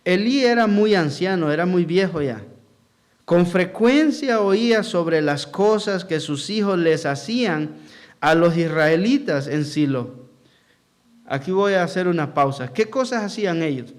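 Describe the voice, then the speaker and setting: A man's voice: high voice, lively intonation, measured pace. A man preaching as pastor in a church hall, asking the congregation questions and acting out quotes in a sermon.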